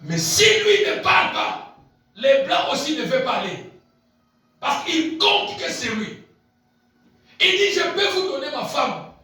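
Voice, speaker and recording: Man preaching loud, high bright voice, big shouts then quiet asides, lots of echo from far off. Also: very animated, unhurried, pauses often. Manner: swings between shouted peaks and low murmured asides; repeats and stretches key phrases. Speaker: pastor. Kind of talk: sermon. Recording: very echoey hall, voice picked up from a distance.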